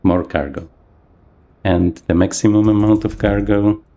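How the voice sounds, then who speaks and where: A man casually talking through a flight simulator session, thinking aloud with plenty of fillers, his voice a little rough from the morning. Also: lowish voice, fairly even intonation, unhurried, dark tone. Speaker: flight sim video host. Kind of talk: casual gameplay commentary.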